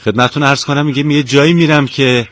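A man's voice: medium pitch, steady tone, a bit bright, slight background noise. A man hosting a radio interview, chatting in a friendly, complimentary way with his guest. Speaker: radio host.

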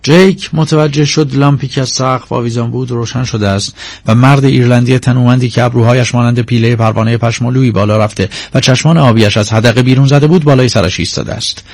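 Male audiobook narrator, steady measured reading, middle pitch, close mic, totally dry no room sound. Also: no echo. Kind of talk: scripted narration.

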